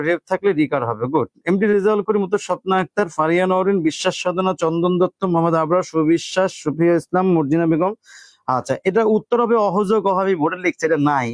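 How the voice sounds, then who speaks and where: A young man with a colloquial Bangladeshi Bengali accent runs a live online exam-prep lesson. His voice sits a touch high and is recorded close and dry. He explains each step patiently, calls his students "bhai" and reads out their names as he goes. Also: dry recording. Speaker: teacher.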